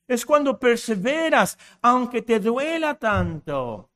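A man's voice: very high-pitched, sing-song, takes it slowly, a bit bright. A man preaching a sermon with passion, repeating short phrases to drive points home.

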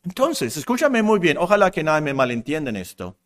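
A man preaching a sermon in earnest, rising and getting louder on key points. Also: fairly high pitch, big pitch swings, brisk. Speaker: pastor.

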